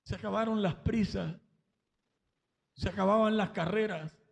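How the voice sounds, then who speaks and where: A man's voice: high voice, a little slow, gravelly, in a large hall. A man giving an emotional religious testimony at a church service, breaking into exclamations of praise.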